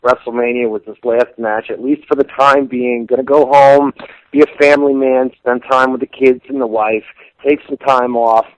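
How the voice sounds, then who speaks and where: Man, radio co-host, casual wrestling talk, chatty, loose, medium pitch, dry close sound. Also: fairly even intonation, moderate pace, dry recording, low-quality recording.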